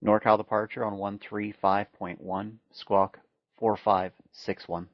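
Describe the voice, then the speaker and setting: A man gives air traffic control instructions in clipped, procedural phrases. His delivery is very even, with a gravelly fry in the voice. It comes over a dull, lo-fi radio. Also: on the low side, unhurried, dry recording.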